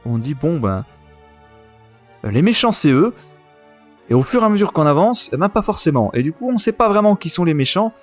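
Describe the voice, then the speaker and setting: Over background music, a man with a higher voice hosts a retro gaming podcast, chatting casually and with great enthusiasm. He talks fairly fast and is very animated, though he pauses often.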